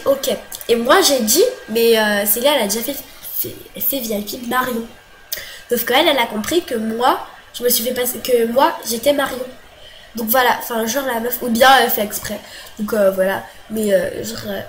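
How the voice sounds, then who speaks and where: A young woman vlogger with a fairly high voice vents to camera about an online dispute, agitated and full of fillers and restarts. She has a cold, and the poor audio carries a little hiss or hum.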